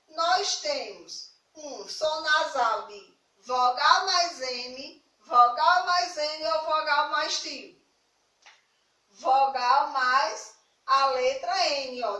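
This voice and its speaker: A woman's voice: high-pitched, sharp tone. A young woman from Brazil teaching a recorded lesson to children, patient, asking questions and answering them herself. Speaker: primary school teacher. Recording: echoey room, voice a little far from the mic.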